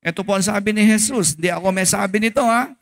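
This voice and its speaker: A man's voice: high voice, quick pace. A male pastor with a Filipino accent preaching a sermon, switching between Tagalog and English and calling out questions to the congregation. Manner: emphatic, animated preaching.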